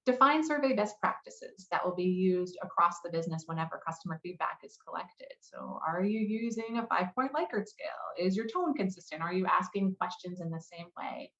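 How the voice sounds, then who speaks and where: A woman with a voice on the low side and a fairly bright tone speaks animatedly and briskly, with few pauses. As head of customer marketing, she's a conference presenter giving a business talk and fielding questions. The recording has a roomy echo and sounds slightly muffled.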